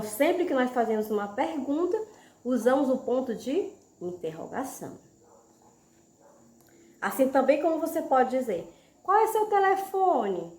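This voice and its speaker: A woman teacher giving a lesson, often pausing to ask rhetorical questions and check that her students follow. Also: on the high side, roomy sound. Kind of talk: classroom lesson.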